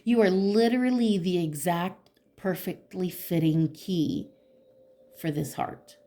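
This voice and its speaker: A woman giving a pick-a-card tarot reading, talking straight to the viewer in an excitable, emphatic and encouraging way, cussing casually as she goes. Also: fairly low pitch, slow pace.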